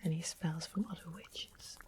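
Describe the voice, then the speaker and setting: A woman whispers near the mic as the sly witch of the west, a sweet-smiling keeper of potions, explaining things in a slow, deliberate, savoring way for a fantasy ASMR roleplay. Her fairly low, slightly mellow voice stays fairly even and lightly acted, calm and sly, with constant noise behind it.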